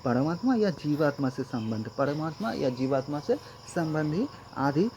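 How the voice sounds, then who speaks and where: A man's voice: a little high, expressive, normal speed, darkish tone, slight background noise, rough recording. A man giving an exam-prep lecture as a tutor, repeating points and checking in often with short confirmations. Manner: repetitive, frequent "thik hai" checks.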